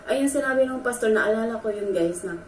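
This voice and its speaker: Her voice runs on the high side and she speaks briskly. She's a vlogger recounting something personal, sincere and moved, looking right at her audience. The sound is echoey and distant, with faint noise underneath.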